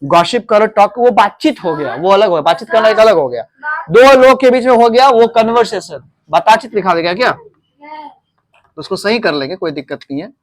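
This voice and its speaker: A man's voice: high-pitched, animated, normal speed. A man teaching English to pupils in a classroom, mixing Hindi and English and having them repeat after him. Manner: drills pupils with call-and-repeat questions.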